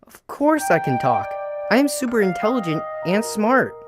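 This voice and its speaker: A man's voice: high voice, very animated, normal speed, voice pushed up. A man doing an earnest little flea. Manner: earnest and chatty. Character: small eager male flea who wants to be somebody. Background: background music.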